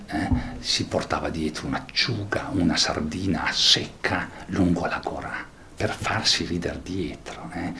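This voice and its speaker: A male lecturer talking philosophy with a voice that rises and falls freely. He drops into murmured asides, keeps checking in with a questioning tag, then swells into loud, emphatic reading. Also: extremely low pitch, a little hiss or hum. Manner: digressive, peppers talk with questioning "eh?".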